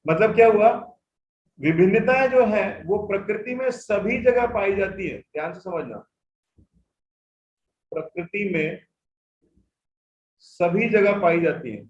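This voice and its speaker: A man's voice: high voice, expressive, takes it slowly, pauses often. A man teaching an online class, who repeats key points and keeps checking whether his students follow. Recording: echoey room, dull audio, faint noise.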